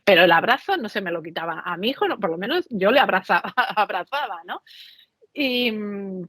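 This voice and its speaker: A woman guest on a podcast talks in a lively, rambling storytelling manner and keeps checking in with her listener. Her voice sits at a middle pitch, and the recording is dry and close with no room sound. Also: normal speed, no room sound. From Mexico and Spain. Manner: chatty, animated storytelling with frequent tag questions. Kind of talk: conversational interview.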